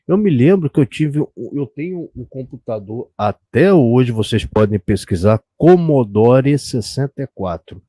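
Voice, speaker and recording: A man's voice: medium pitch, lively intonation, unhurried, hardly any pauses, mellow, dry recording. A middle-aged Brazilian man with a Brazilian Portuguese accent hosting a live-stream interview, chatting and reminiscing in a rambling way. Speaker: host.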